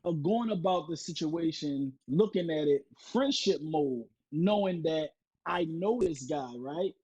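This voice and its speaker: Male co-host, slightly high, husky, loose rambling delivery. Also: lively intonation, unhurried, darkish tone, highs cut off. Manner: rambling, many fillers and restarts. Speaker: podcast co-host. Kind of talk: casual chat.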